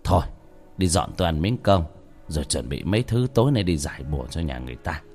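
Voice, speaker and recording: A man voicing a stern, resigned old exorcist who speaks low and matter-of-fact. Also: animated, fast, darkish tone, soft background music. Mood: grave.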